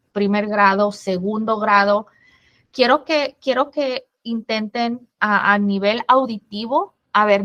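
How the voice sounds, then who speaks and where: A woman and former teacher giving an online presentation to parents, explaining patiently and sounding out syllables slowly. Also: medium pitch, sharp tone.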